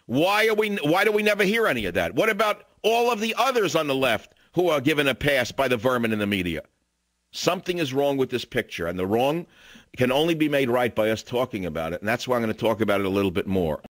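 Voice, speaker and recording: A man's voice: medium pitch, very animated, fairly quick, fairly bright tone, no room sound. An older man hosting a call-in radio talk show, ranting in an indignant, combative way.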